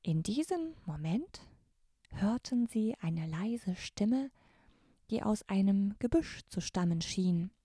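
A woman narrating a children's story in a calm, measured way, pronouncing each word clearly. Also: mid-range voice, dry recording, studio quality.

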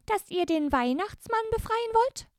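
A woman doing a tiny high-voiced courtly Christmas elf. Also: animated, unhurried, a little mellow, no room sound, studio quality. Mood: earnest. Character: small polite female Christmas elf, urgent.

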